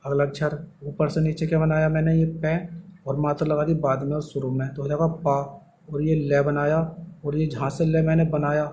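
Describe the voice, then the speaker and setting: A man's voice: fairly high pitch, little pitch movement, fairly quick, warm tone, slight background noise, rough recording. A man teaching a shorthand lesson step by step, explaining patiently and answering his own questions.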